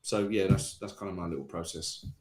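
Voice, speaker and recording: A man who is a guest designer, a bit tipsy and lively, explaining his process steadily in a casual panel chat. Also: sits low, brisk, very noisy. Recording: roomy echoey sound.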